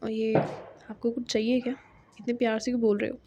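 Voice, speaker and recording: A woman voicing a sharp-tongued, sarcastic young college woman in a storybook narration. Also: a little high, flat delivery, lo-fi sound, background noise, natural voice. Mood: puzzled. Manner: sarcastic, quick retorts.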